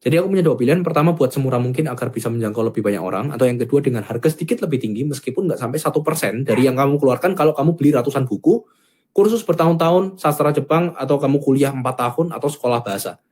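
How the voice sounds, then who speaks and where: Fast-talking man pitching a course. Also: a little mellow, slightly rough. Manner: chatty, fillers like gitu ya. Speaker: founder pitching a Japanese course. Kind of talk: casual sales pitch.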